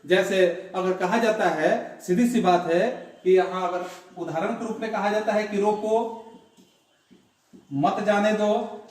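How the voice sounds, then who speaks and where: A man teaching a grammar lesson in a classroom, explaining slowly and repeating his examples. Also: high-pitched. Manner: slow, repetitive explaining with examples. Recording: very echoey room, voice from far off.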